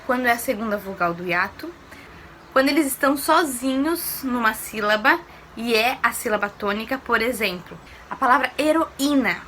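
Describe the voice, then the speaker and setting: A woman's voice: on the high side, lively intonation, normal speed, fairly bright tone, slight background noise. A woman teacher giving a recorded lesson to primary pupils, explaining patiently step by step and asking them questions.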